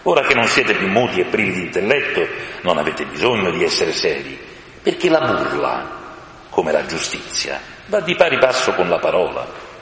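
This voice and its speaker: A man voicing a great male lion, speaking slowly and gravely, stern yet glad, in a storybook reading. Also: deep voice, sing-song, fairly bright tone, a little hiss or hum. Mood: gentle. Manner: slow, grave, commanding. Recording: echoey room with long reverb.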